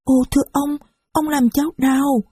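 A woman voicing a small, innocent little girl who speaks slowly and sweetly in a storybook reading. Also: high voice, steady tone, warm tone, no room sound, voice pushed up, lightly acted. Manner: slow, sweet childlike phrasing.

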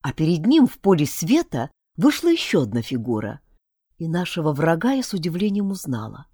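A woman reading a fantasy audiobook in first person, her pitch swooping widely as she acts out the story. Her tone is dark and mellow, recorded close and dry with no room sound. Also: a little fast, slightly rough, no echo. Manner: expressive, switching voices for each character. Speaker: audiobook narrator.

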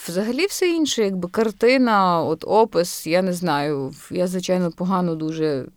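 Frank, chatty woman with a smooth voice. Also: lowish voice, expressive, normal speed, dry recording, clean studio sound. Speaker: podcast guest. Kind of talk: casual conversation.

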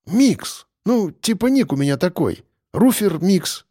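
A man's voice: sits high, expressive, measured pace, mellow, no echo, clean studio sound, pitched above the performer's own voice. A man reading an audiobook voices a brash fourteen-year-old boy who brags and talks back. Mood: cocky.

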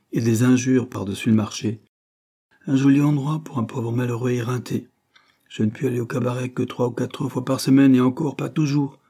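A man voicing an embittered, worn-out male laborer who complains loudly and resentfully. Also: mid-range voice, natural voice. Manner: aggrieved and loud.

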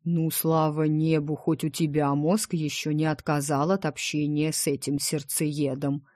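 A woman reading the part of a gruff, protective male dragon in an audiobook, talking bluntly and teasingly. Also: low-pitched, flat delivery, a little slow, darkish tone, dry recording, studio quality.

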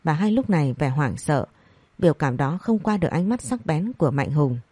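A woman narrating a scripted story, reading each character's lines in the same even voice. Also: low voice, normal speed, slightly rough, no room sound. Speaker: audiobook narrator.

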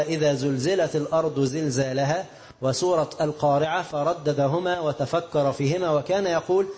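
A man's voice: on the high side, a little mellow. A male preacher with an Egyptian accent delivering a sermon, telling stories that mix classical quotations with colloquial asides to his listeners. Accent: Egyptian Arabic. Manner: storytelling, mixing classical quotes with colloquial asides to the audience.

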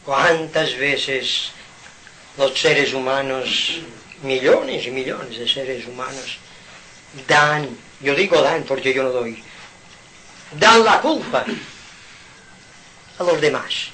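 A man from Mallorca, giving an informal spiritual talk at home in an animated, preaching manner with rhetorical questions and sudden loud outbursts. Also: mid-range voice, takes it slowly, pauses often, a little hiss or hum, poor audio. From Mallorca, Spain. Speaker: spiritual speaker.

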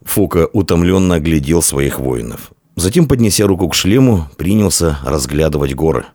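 Deep-voiced guy reading an audiobook, lots of melody, dry close sound. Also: lively intonation, normal speed, dark tone, dry recording. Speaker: audiobook narrator. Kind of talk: scripted narration.

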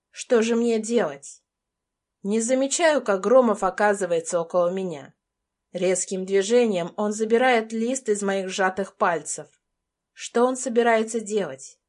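A woman's voice: medium pitch, darkish tone. A young adult woman reading a first-person romance audiobook as an anxious, tense inner monologue. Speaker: audiobook narrator.

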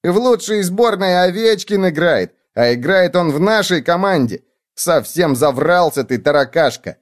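A high, squealing little bedbug prince, voiced by a man in a children's storybook. He brags and teases with a lively, bouncing lilt. His voice jumps up and down and turns shrill and loud when excited. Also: unhurried. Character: mischievous boastful little bedbug prince, male.

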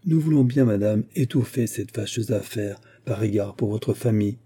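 Male reader as a composed, icy store boss, mellow dark tone, slightly husky. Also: lowish voice, normal speed. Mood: cold formal. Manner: calm, cool, formal. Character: cold, composed male store manager, unmoved.

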